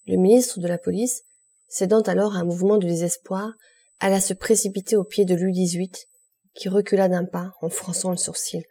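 A woman reads a classic novel aloud at a measured, unhurried pace. Her voice is low and husky, with a dark, mellow tone. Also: steady tone. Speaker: audiobook narrator. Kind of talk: audiobook narration.

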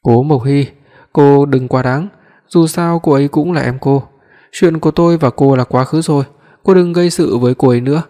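A man's voice: on the high side, normal speed, warm tone, close to an everyday voice. A man voicing a hot-headed young man who scolds angrily in an audiobook. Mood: scolding. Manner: scolding, angry. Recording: long hall reverb.

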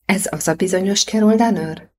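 A woman reading an audiobook voices a gossipy female assistant who speaks in a hushed, confiding way. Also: medium pitch, natural voice.

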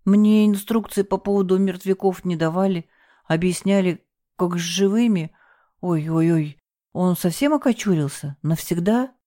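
A woman's voice: fairly low pitch, moderate pace, dark tone, close to an everyday voice. A woman voicing a flustered, scatterbrained young female hotel receptionist who babbles and whimpers in fright. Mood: flustered, whimpering.

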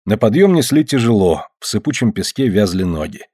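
Reading briskly, a male audiobook narrator gives a story an expressive delivery, his husky voice sliding freely between high and low. There's no room sound, just a dry, close recording.

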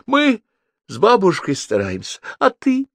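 A man voicing a stern, middle-aged mother who scolds in sharp exclamations and rapid-fire accusing questions, in an audiobook reading. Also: mid-range voice, very animated, dry recording, clean studio sound, pitched above the performer's own voice. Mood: reproachful.

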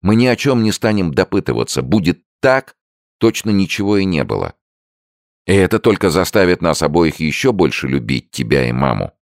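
A man's voice: deep voice, big pitch swings, normal speed, no echo, studio quality, voice pushed up. A man voicing an anguished young man pleading with his father in an audiobook. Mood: insistent. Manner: pleading, emotional.

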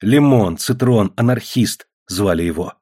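A man narrating a novel aloud in a steady, even storytelling manner. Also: on the low side, unhurried, husky.

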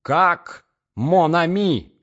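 A man voicing a hot-tempered jilted young gentleman in an audiobook, shouting indignant outbursts. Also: medium pitch, lively intonation, moderate pace, lightly acted. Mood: outraged. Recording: dull lo-fi audiobook recording.

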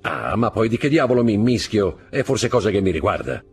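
A man's voice: lowish voice, very animated, brisk, husky, soft background music, voice pushed up, exaggerated voice. A man reading aloud voices a sly, scheming male accountant who insinuates and plays innocent.

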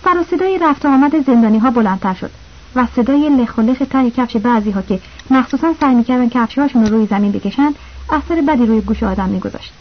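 A woman narrating a novel as an audiobook, reading the characters' lines in her own voice with small shifts. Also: a little high. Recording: slightly dull lo-fi audio.

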